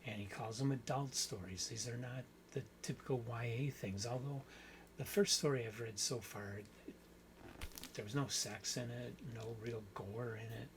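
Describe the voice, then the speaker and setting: A man's voice: mid-range voice, normal speed, background noise. A man hosting a book channel, talking through a story in a casual, rambling way and correcting himself as he goes. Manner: rambling, self-correcting, thinks aloud.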